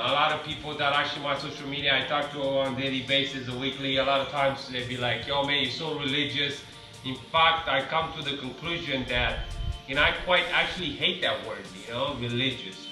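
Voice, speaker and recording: A Romanian car-building vlogger talks casually and reflectively, with plenty of fillers, in a medium-pitched voice with a sharp tone. He's recorded in a large home garage by a camera perched on a ladder some distance away, so the sound is echoey and far off.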